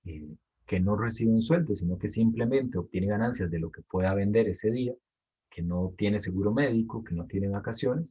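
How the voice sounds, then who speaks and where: A man explains an assignment to his students in a patient, step-by-step way and repeats the key points. His voice is husky and sits fairly low. The audio sounds dull and lo-fi, like a computer microphone. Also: normal speed, warm tone. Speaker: teacher.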